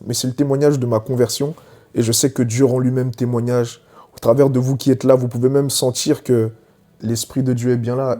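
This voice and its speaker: A man giving his conversion testimony to a congregation, telling it dramatically and swinging from hushed words to loud cries. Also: mid-range voice.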